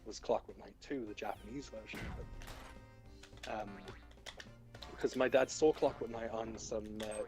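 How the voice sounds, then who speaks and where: A man's voice: fairly low pitch, fairly even intonation, measured pace, long pauses, rough recording. A British man from the UK chatting casually on a stream, rambling a little with fillers as he shares a story. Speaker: stream co-host. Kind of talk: casual chat. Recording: loud game music behind. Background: game music.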